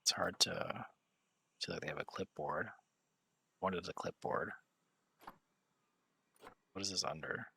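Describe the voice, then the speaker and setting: A young man streaming a zoo-building game, rambling and thinking aloud in a relaxed, mumbling way. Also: deep voice, unhurried, vocal fry, long pauses, slightly rough. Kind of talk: relaxed gameplay chat.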